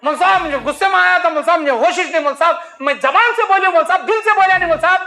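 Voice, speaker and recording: A male preacher voicing a flustered husband who pleads with a cleric in a hurried rush. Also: very high voice, sharp tone, heavily acted. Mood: pleading.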